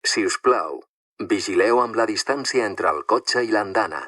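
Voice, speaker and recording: A man giving a formal, measured recorded safety announcement, played over a train's PA loudspeaker. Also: on the low side, animated, no echo, studio quality. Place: inside a commuter train. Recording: distant voice from a loudspeaker, away from the mic.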